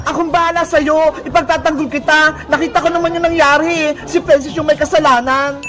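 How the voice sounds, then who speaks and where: A voice actor playing a loyal, protective girl in a cartoon, firm and reassuring, with loud music behind. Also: high-pitched, steady tone, a little fast, lightly acted.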